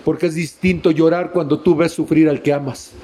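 Male preacher, high voice, emphatic sermon, faint background noise. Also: fairly even intonation, a little fast, warm tone. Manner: emphatic, swinging between high exclamations and low drops; addresses listener directly with questions.

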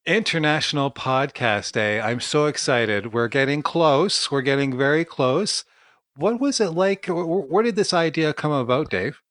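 A man's voice: a little high, animated, moderate pace, fairly bright tone, no echo, clean studio sound. A man interviewing a podcast guest and asking questions with eager enthusiasm.

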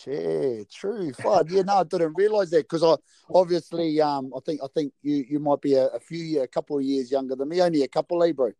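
A man's voice: a little high, brisk, dark tone, no room sound. A man with a New Zealand accent hosting a casual sports chat in laid-back, slangy, blokey talk. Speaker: host.

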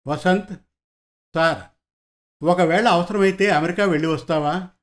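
A man reading a calm, commanding senior detective. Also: high-pitched. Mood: firm. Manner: firm, emphatic, unhurried.

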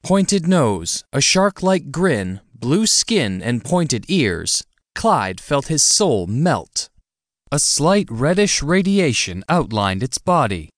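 Expressive male audiobook narrator. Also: mid-range voice, slow pace, dry recording, clean studio sound. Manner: expressive, dramatic reading.

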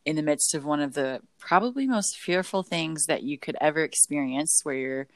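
Woman podcast co-host, low voice, dry close sound, rambling casual faith chat. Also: moderate pace, no room sound. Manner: rambling, many fillers and self-corrections.

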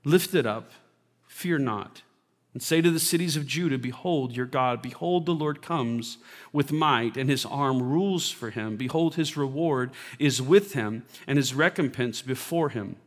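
A man, a pastor, preaching a sermon, reading scripture aloud with rising emphasis and praying softly during a live church service. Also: medium pitch, measured pace. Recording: long reverb of a large hall.

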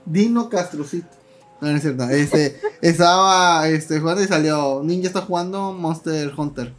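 A man's voice: on the high side, moderate pace, soft background music. A man with a Mexican Spanish accent in easygoing podcast chat, laughing often. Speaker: podcast co-host. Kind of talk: casual chat.

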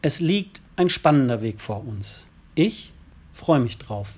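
A man from a parish council reading a prepared statement in a measured, formal way. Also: medium pitch, sing-song, a little mellow, slightly rough, faint music behind.

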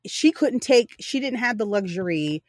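A woman's voice: mid-range voice, animated, normal speed, darkish tone. A woman in her forties co-hosting a podcast, chatting casually in a candid, rambling way that often corrects itself. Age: 40s. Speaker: podcast co-host. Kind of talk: casual chat.

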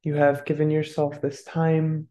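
A meditation guide leading a guided meditation, giving calm, unhurried instructions with long pauses. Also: medium pitch.

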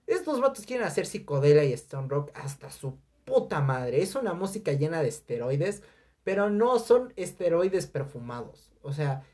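A young adult speaker with a Mexican accent reviewing an album on a casual podcast, animated and profane, breaking into shouted sound imitations. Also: medium pitch, normal speed. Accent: Mexican Spanish. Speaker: music reviewer.

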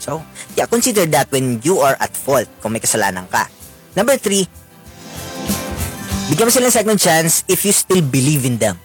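Brief: Filipino man, talky advice vlogger, fairly high voice with a bouncy, animated pitch, faint music underneath. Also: moderate pace, pauses often. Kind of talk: casual relationship advice talk.

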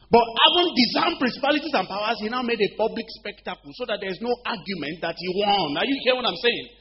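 A man preaching a sermon, often asking the congregation if they hear him, swinging between loud emphatic bursts and quiet storytelling. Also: high-pitched, animated, fast. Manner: call-and-response questions to the congregation. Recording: dull lo-fi recording with faint hum.

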